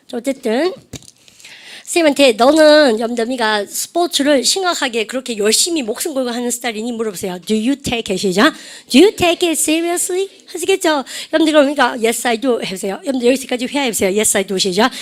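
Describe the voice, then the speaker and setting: A chatty woman English teacher with a slightly high voice runs a vocabulary class. She keeps prompting the class to repeat English phrases and often breaks into laughs.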